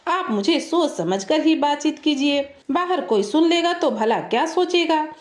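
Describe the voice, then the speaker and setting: A self-important young groom with a foolish scholar's pride, as a woman storyteller puts him on, lecturing and scolding in a pedantic tone. The voice sits high and swings widely in pitch. It is heard in an echoey room. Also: animated, measured pace. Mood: pompous.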